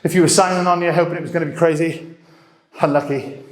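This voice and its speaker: Coaching a live workout, this man gives brief words of encouragement and counts down, slightly winded as he goes. He talks fast in a fairly high, steady voice, and the room adds noticeable echo.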